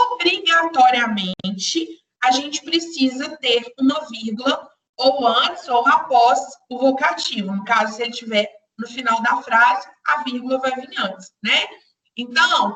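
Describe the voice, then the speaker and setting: Woman, teacher, patient, repeats explanations, bright voice, roomy echo, distant from the mic. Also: high-pitched. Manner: patient, repeats explanations, addresses students directly. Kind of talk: live online grammar class.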